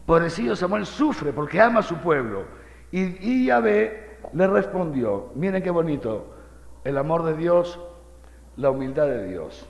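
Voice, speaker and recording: Older male preacher from Peru, lively folksy catechesis, high and gravelly, in a reverberant hall. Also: unhurried. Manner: animated, folksy preaching with many rhetorical asides to listeners. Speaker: bishop giving catechesis. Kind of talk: sermon.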